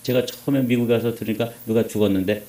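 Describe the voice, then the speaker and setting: A man preaching a sermon as a pastor, moving between loud emphasis and hushed asides while asking the congregation questions. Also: mid-range voice, steady tone, fast talker, echoey room. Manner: addresses congregation with rhetorical questions.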